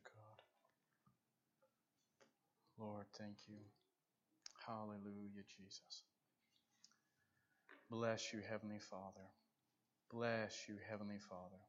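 A muffled, band-limited recording carries a man at a pulpit microphone. He is a pastor with a fairly deep voice. His delivery is earnest and devout, in the manner of church prayer and preaching. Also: slight background noise. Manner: earnest, devout, with repeated praise phrases. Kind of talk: sermon and extemporaneous prayer.

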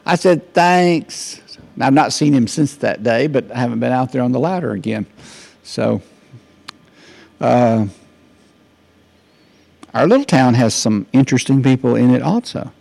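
An older man preaches in a loose, storytelling way. He often restarts his sentences, and his voice has a gravelly, creaky edge. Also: medium pitch, normal speed, pauses often, mellow. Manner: rambling, anecdotal, many restarts. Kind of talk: informal sermon.

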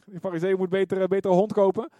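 A man preaching a sermon in a lively way, often calling out amen and asking his listeners to agree. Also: high-pitched, rapid-fire, no room sound. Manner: lively, often asks "ja toch?" and calls "amen".

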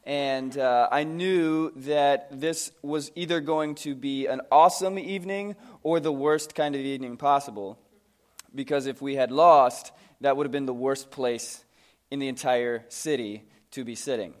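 An American man preaches with a hoarse, strained voice that sounds worn from shouting. His sermon is conversational and informal, full of joking, self-deprecating asides. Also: mid-range voice, fairly even intonation, a little slow. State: hoarse from screaming the night before.

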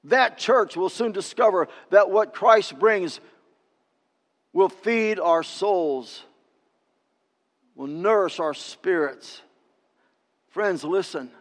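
A male pastor preaching a sermon, emphatic, swinging between loud declarations and hushed appeals, in a church sanctuary. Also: high voice, slow, pauses often, in a large hall.

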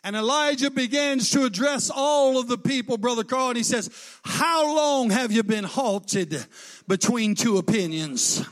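Man, very high voice, fervent sermon, chanting cadences, shouted climaxes. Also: unhurried. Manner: fervent preaching that swings into sung, chanted cadences; retells scripture with dialogue, rising to shouted climaxes. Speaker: preacher.

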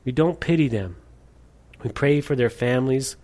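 Male pastor, sermon delivery, earnest, mid-pitched voice, swings from emphatic to hushed. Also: normal speed.

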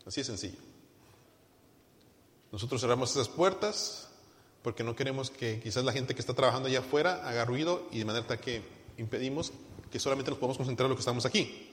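A man preaching a sermon, asking the congregation questions and swinging from loud emphasis to quiet. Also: mid-range voice, fast, long pauses. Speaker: pastor. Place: church hall. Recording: long reverb of a church hall.

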